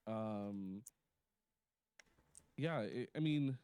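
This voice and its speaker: A man, a DJ guest, talking in a relaxed, hesitant way with many ums. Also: lowish voice, extremely slow, clear, resonant tone, no echo. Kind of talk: casual chat.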